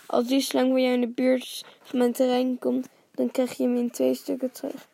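A woman's voice: high-pitched, completely flat delivery, normal speed, vocal fry, warm tone. A woman reading a children's story aloud, voicing a father who makes a blunt, joking threat.

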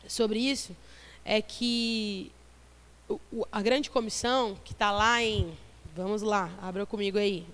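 A young woman preaching at a youth service, telling a personal testimony in an animated storytelling way. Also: a little high, big-room sound. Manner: animated storytelling, quick asides and laughs.

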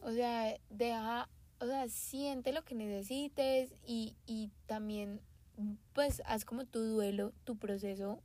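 A woman co-hosting a podcast, telling personal stories in a relaxed, casual way with many fillers. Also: fairly high pitch, slow. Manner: relaxed storyteller, leans on "literal" and "o sea". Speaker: podcast co-host.

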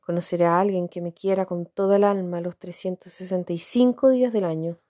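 A woman's voice: lowish voice, fairly even intonation, a little fast, warm tone, dry recording, natural voice. Woman reading as a lonely, self-centered young woman, dry close sound, musing with restarts. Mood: wistful. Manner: candid, musing, hesitant restarts.

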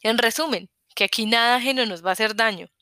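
A woman's voice: a little high, fast, bright, forceful tone, dry recording, clean studio sound. A woman reading the part of a tall male soldier with glasses who speaks in an unconcerned, matter-of-fact way in an audiobook. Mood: calm.

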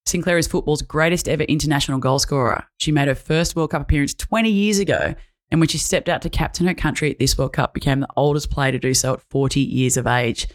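A woman's voice: low voice, steady tone, quick pace. Chatty woman co-host. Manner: chatty, enthusiastic, self-interrupting. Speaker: podcast co-host. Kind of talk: casual sports podcast chat.

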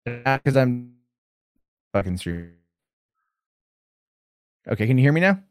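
A man's voice: medium pitch, sing-song, measured pace. A man arguing bluntly in a heated casual debate, swearing freely, his audio breaking up over a live stream connection. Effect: choppy audio breaking up over a live stream connection.

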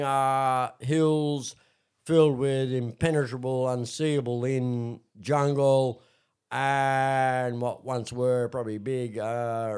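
A man's voice: medium pitch, smooth. A man with an Australian accent, a guest telling stories in a casual, rambling chat full of fillers and restarts. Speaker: interview guest. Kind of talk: casual storytelling.

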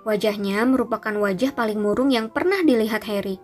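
A woman narrating a storybook audiobook in a steady, even reading voice. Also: on the high side, brisk, soft background music. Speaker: audiobook reader.

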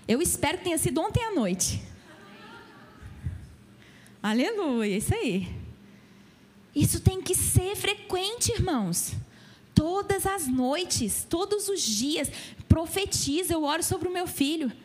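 High-voiced woman pastor preaching. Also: animated, slow, long pauses. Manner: emphatic preaching with direct questions to the congregation. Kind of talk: sermon. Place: church.

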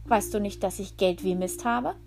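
A woman voicing a pompous, irritable old male sorcerer who speaks loudly and haughtily. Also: mid-range voice, gravelly, lightly acted. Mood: scheming. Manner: loud, haughty and quick to anger.

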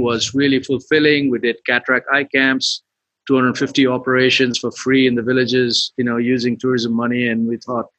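Over a dull, lo-fi connection, a man from western Nepal answers as an interview guest in a relaxed, conversational way, his Nepali accent clear. He founded a tour company and appears on a podcast; his mid-range voice sounds pushed and bright, with no room sound.

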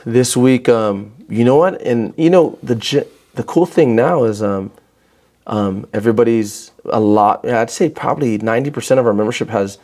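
A man's voice: mid-range voice, moderate pace, a little mellow. A man hosting a casual podcast, talking in a rambling way with many restarts and fillers. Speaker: podcast host and gym owner.

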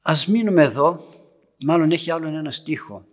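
A man, an Orthodox priest, giving a storytelling homily to young parents in a church meeting room, his voice swelling and then dropping to near whispers. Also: on the high side.

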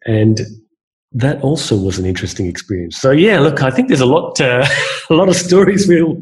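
Speaking at a moderate pace, an animated podcast host with a medium-pitched, darkish, slightly rough voice introduces a guest. His casual delivery is loose and hesitant, with many fillers and restarts.

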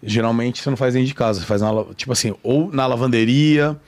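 A man hosting a casual podcast chat, explaining things at length in a relaxed way. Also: mid-range voice, fast talker. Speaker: podcast host.

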